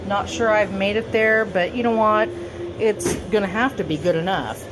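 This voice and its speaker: A woman's voice: medium pitch, normal speed, noisy background. A tipsy, giggly drunk woman casually narrating her home cooking vlog, rambling, joking at her own expense and swearing casually. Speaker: home cook vlogger. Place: home kitchen. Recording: music playing behind the voice. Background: background music from TV.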